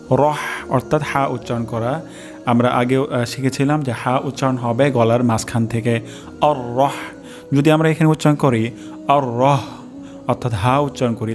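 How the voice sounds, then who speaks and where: A male teacher at a middle pitch guides listeners through pronunciation one sound at a time. He speaks slowly and carefully and repeats syllables so they can copy him. Soft music sits faintly under his voice. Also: steady tone. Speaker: Quran recitation teacher. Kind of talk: step-by-step pronunciation lesson.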